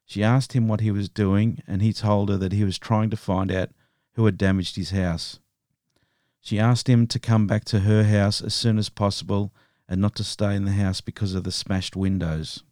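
Low-voiced man narrating true crime. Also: dry recording, studio quality. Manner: steady, measured storytelling. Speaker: podcast host.

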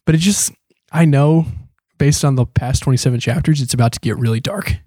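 Relaxed man hosting a studio chat. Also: medium pitch, a little fast, no echo. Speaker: podcast host. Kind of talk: casual chat. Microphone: studio microphone.

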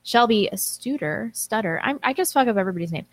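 A woman's voice: medium pitch, expressive, a little fast, dry recording. A woman co-hosting a casual talk show, reading out listener messages and commenting in a blunt, informal way.

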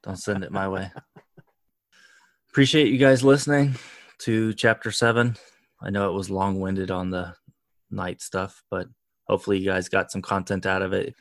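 A man's voice: sits low, fairly even intonation, moderate pace, long pauses, no room sound. A man hosting a hobby podcast, signing off in a laid-back, joking way. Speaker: podcast host. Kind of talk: casual podcast sign-off.

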